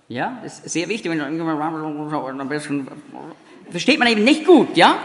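A man preaching in a high, lively voice that climbs and dips through every phrase. He explains scripture point by point and now and then acts out sounds to illustrate. His voice carries the long reverb of a large hall. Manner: explains with demonstrations, imitates sounds. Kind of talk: sermon.

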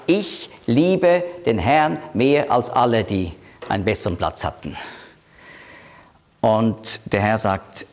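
A man leading a Bible study, explaining scripture slowly and quoting verses aloud. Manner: slow, explanatory, quotes scripture in a lowered voice; switches between teaching and group discussion. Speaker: Bible teacher.

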